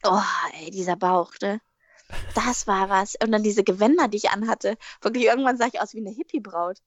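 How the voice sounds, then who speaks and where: Woman, casual interview chat, animated anecdotes, tag questions, dry voice. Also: medium pitch, fairly quick, no echo. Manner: animated storytelling, acting out her own quotes. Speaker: actress on a TV series.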